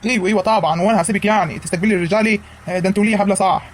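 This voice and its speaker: A man's voice: sits high, fairly even intonation, very fast. A man with an Egyptian accent voicing a practical middle-aged village husband in a cartoon comedy, plain and matter-of-fact. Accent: Egyptian Arabic. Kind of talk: animated cartoon acting.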